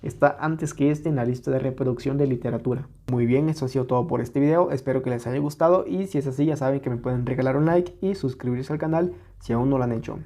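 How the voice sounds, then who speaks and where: A man with a Mexican Spanish accent teaching an exam-prep lesson, patiently explaining step by step and sounding words out slowly. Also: mid-range voice, warm tone.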